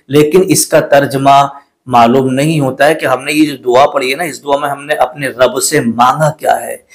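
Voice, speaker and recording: A man of ordinary pitch explains a prayer in measured, courteous with a lilt. He speaks as a patient religious teacher addressing viewers. Now and then he slows down to repeat a word and correct how it is pronounced. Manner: recites the Arabic prayer slowly in a melodic chant. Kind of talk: religious instruction to camera.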